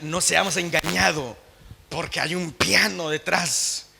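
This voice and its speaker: A young man from Latin America preaching a sermon in church, swinging from emphatic peaks down to low, intimate asides. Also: slow pace, gravelly, pushed and bright, breathy edge. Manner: impassioned, rising to emphatic peaks then dropping low and intimate.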